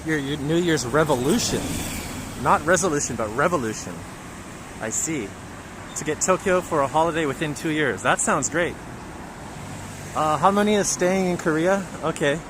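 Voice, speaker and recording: A man's voice: fairly high pitch, normal speed. A man hosting a casual livestream walking tour through city streets, chatting and reading out viewer comments. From Japan. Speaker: livestream host. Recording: outdoor street recording with traffic noise. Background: traffic and street noise.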